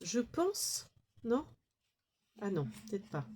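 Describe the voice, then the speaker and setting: A woman talks casually to her viewers as she unpacks craft mail. She exclaims warmly over each small detail, and she muses aloud as she goes. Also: medium pitch, sing-song, slow, slightly rough. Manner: chatty, thinks aloud with fillers. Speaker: craft vlogger opening mail.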